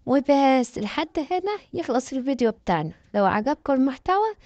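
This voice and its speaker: A woman's voice: high-pitched, very animated, a little fast, a little mellow, no echo, dull audio. A woman with an Egyptian accent chatting and bantering playfully with farm animals as a channel host. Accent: Egyptian Arabic. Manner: playful, bantering, scolding in jest. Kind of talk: casual chat to farm animals.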